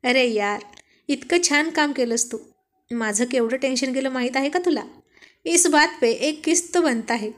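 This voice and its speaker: A woman doing a jealous young husband and boss in a spoken storybook, irritable and blustering. The voice stays high-pitched. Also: normal speed, a bit bright. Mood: overjoyed.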